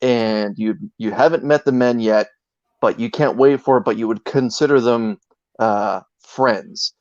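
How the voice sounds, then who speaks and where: Male guest, average pitch, earnest and halting casual storytelling, dull close lo-fi audio. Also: no room sound. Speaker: interview guest, video creator. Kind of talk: casual chat, telling anecdotes. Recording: dull, dry lo-fi sound.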